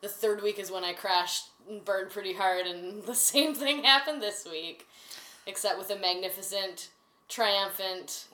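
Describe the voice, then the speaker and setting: A woman's voice: mid-range voice, a little slow, bright, forceful tone. A woman co-hosting a casual podcast chat in a jokey, teasing way, with comic exaggeration, in an echoey apartment. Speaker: podcast co-host. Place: echoey living room in a friend's apartment. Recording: echoey untreated apartment room.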